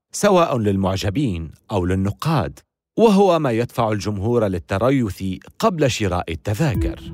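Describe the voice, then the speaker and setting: A man's voice: medium pitch, a little mellow. A man reading scripted documentary narration with a dramatic, storytelling delivery.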